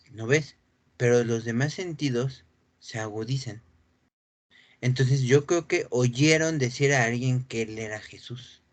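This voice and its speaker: Animated preacher, dry sound. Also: male voice, mid-range voice, dry recording. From Mexico. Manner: animated, acts out voices from the scripture reading; clears his throat often. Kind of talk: sermon.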